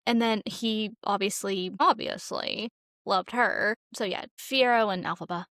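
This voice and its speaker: A young woman co-hosting a podcast chats informally and emphatically about films. Her medium-pitched voice is unhurried and a bit bright, recorded with studio quality and no echo.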